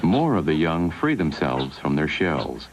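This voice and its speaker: Deep-voiced documentary narrator on worn tape. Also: male voice, big pitch swings, a little slow. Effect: worn VHS tape copy. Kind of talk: scripted wildlife documentary narration. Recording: hissy worn VHS tape dub.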